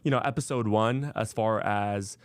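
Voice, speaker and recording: A man's voice: lowish voice, normal speed, dry recording. A man in his twenties hosting a podcast alone, telling his story in a casual way with many fillers and restarts. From Las Vegas, USA. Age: 20s. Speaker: podcast host. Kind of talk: solo podcast monologue.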